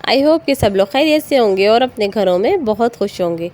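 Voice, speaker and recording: This is voice-over narration from a family vlog, told by a mother in her thirties who has a Pakistani Urdu accent. Her slightly high voice carries lively intonation at a moderate pace, friendly and storytelling in tone, with polite address to viewers. Soft acoustic guitar music runs underneath.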